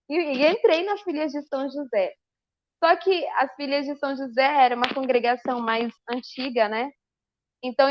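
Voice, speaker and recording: A woman, a religious sister, giving a lively personal testimony on a podcast and acting out her own past dialogue. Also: sits high, dry recording, highs cut off.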